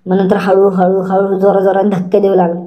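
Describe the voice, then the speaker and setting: Woman narrator for an adult story: even, flat delivery, slow, repeats words. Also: mid-range voice, muffled recording. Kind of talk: first-person erotic story narration.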